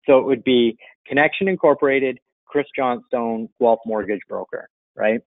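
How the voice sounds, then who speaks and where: Speaking at a normal pace in a medium-pitched voice, a middle-aged marketing coach runs a casual webinar question-and-answer session from his computer indoors. He is informal, conversational and explanatory. The sound is dry, dull and lo-fi.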